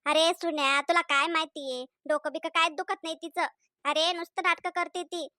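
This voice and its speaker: A sharp-tongued cartoon granny, voiced by a performer, scolding and sarcastic, pitched lower than the others. Her voice is dry and close to the mic. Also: steady tone, moderate pace, no echo. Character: scolding, mocking old grandmother. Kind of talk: cartoon voice acting.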